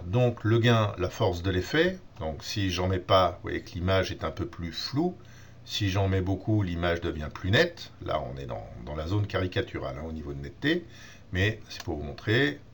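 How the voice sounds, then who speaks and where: A man giving a relaxed software tutorial on photo editing, explaining step by step with many fillers and restarts. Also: fairly low pitch, a little hiss or hum. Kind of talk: screen-recorded software tutorial.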